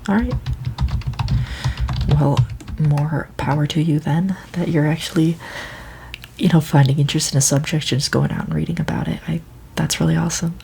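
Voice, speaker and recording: A helpful female librarian, played by a woman in an ASMR role-play. Her hushed library voice is dark and soft, often dropping in a soft voice, with halting, casual phrasing. Faint noise and keyboard typing sit behind her. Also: sits low, fairly even intonation, gravelly. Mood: friendly, encouraging. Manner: hushed library voice, soft-spoken, slipping into speaks softly; hesitant, unhurried, halting delivery.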